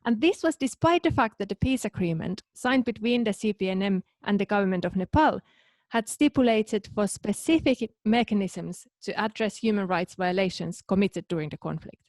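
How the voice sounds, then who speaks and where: A woman from Finland, a researcher co-hosting a podcast, reading in a calm, explanatory way. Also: medium pitch, moderate pace, no room sound. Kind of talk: scripted podcast narration.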